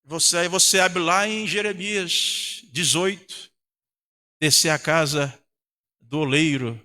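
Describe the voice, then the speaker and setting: A man's voice: a little high, fairly even intonation, slow, sharp tone. A man with a Brazilian Portuguese accent preaching a sermon as a pastor, building in intensity and asking "não é?" and calling out to the brothers again and again. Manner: preaching with rising intensity, frequent "não é?" and "irmãos". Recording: long hall reverb.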